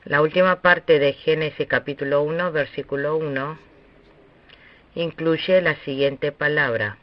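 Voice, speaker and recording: Man, higher voice, slow lecture pace, dry dull lo-fi recording, teaching a language lesson. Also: fairly even intonation, no room sound. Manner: slow, deliberate, with long pauses.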